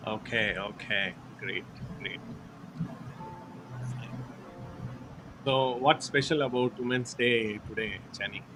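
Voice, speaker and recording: A man hosting a live online session, talking in a halting way with many fillers. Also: lowish voice, noisy background.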